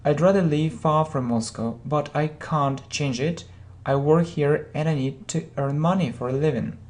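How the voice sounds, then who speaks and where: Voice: mid-range voice, moderate pace, a little mellow. An English teacher giving a spoken vocabulary and grammar lesson, reading model sentences and then explaining them, often checking in with "yeah?" and "okay?".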